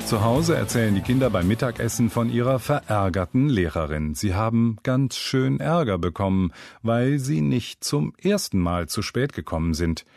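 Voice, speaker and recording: A man's voice: medium pitch, moderate pace, vocal fry, hardly any pauses, no echo, soft background music. A man narrating a scripted humorous story in a wry, storytelling manner, recorded close on a studio mic. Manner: wry, storytelling with lively intonation.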